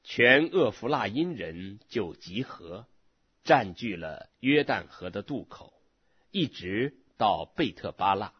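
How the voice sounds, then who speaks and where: Guy reading scripture real slow, low husky voice, dull lo-fi sound. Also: no echo. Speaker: scripture reader. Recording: dull lo-fi recording.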